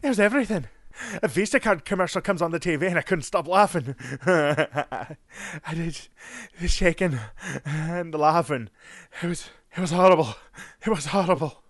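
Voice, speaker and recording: A man's voice: a little high, moderate pace, dry recording, studio quality, natural voice. A man playing a frazzled man who recounts his ordeal dramatically, breaking into laughter.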